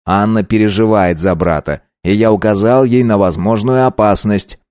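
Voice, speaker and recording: A man reading an audiobook, voicing a calm, sardonic young man in his own voice. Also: on the low side, normal speed, clean tone, dry recording, lightly acted. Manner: calm, dry. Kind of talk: audiobook character voice.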